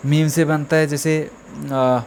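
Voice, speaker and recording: Slightly high but flat and darkish, the man's voice guides beginners through the Urdu alphabet at a slow, drilling pace. Letters get repeated in drawn-out drills punctuated by frequent "theek hai," with a little background hiss or hum.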